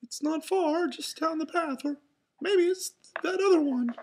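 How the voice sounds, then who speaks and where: A woman voicing a cheery, bossy cartoon mouse leader from a storybook, in an excitable, exclaiming way. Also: high-pitched, measured pace, voice pushed up. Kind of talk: storybook read aloud.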